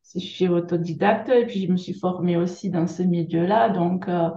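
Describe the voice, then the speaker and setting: A woman from France with a southern French accent, speaking gently and haltingly as a guest on a video-call interview, with many pauses and fillers. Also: on the low side, steady tone, roomy sound, muffled recording. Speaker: guest workshop leader. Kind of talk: hesitant conversational interview.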